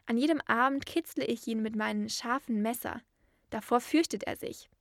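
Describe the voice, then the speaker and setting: A woman narrating a fairy tale in a steady storytelling manner. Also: fairly high pitch, moderate pace, gravelly, no echo, studio quality.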